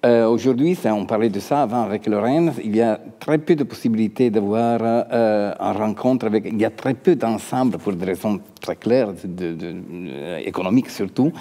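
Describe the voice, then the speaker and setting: Mellow Italian-accented man in a reverberant hall. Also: lowish voice. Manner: halting non-native French, repeats words while searching. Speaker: composer, interview guest. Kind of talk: unscripted talk about own work. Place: large dark concert hall stage, indoors. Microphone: headset. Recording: long hall reverb of a stage.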